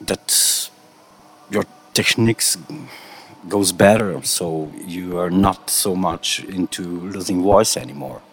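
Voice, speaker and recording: Following a Slovenian intro, he puts his questions to a radio guest in hesitant English, which isn't his first language. The voice is deep, creaky and husky.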